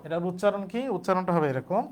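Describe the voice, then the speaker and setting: A man's voice: high voice, fast talker, a little mellow. A man teaching a spelling lesson, explaining step by step and answering his own questions.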